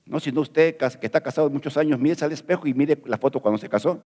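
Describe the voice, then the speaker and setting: A man's voice: on the high side, fast, a little mellow, in a large hall. A middle-aged man from Peru preaching a sermon as pastor, folksy and jokey, asking rhetorical questions.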